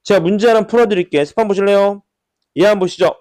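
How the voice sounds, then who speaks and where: At a classroom whiteboard, a man teaches math in a voice that sits high and is a little mellow, talking fast. He keeps checking in with rhetorical questions and repeats key words for emphasis.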